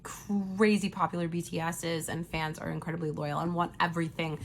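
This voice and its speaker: A woman with a sick-sounding voice gives a chatty, lively makeup review as a beauty vlogger. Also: on the low side, a little fast, slight background noise.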